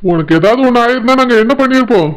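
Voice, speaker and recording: Man voicing a stern cartoon village father, scolding, Tirunelveli accent, high resonant voice. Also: animated, very fast, rough recording. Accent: Tirunelveli Tamil. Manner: scolding, indignant lecturing. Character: stern angry village father, middle-aged. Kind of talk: cartoon voice acting.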